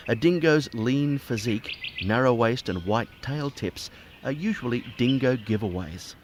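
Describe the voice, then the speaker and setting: Lively male documentary narrator. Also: medium pitch, a little slow, a little hiss or hum. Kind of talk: scripted narration. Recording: narration over clear music.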